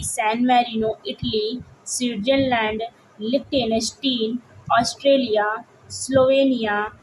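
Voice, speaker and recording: A woman's voice: high-pitched, darkish tone, poor audio. A young woman from India teaching an exam-prep geography lesson, asking and repeating each place name for students to memorize. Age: young adult. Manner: repeats each name with call-and-response questions. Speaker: exam tutor. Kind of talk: Hindi map lesson, drilling names.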